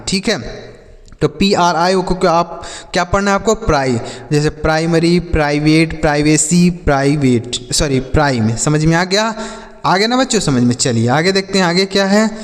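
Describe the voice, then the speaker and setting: A man's voice: on the high side, long reverb tail. A man teaching English phonics in a classroom style, spelling words out letter by letter and asking repeated call-and-response questions.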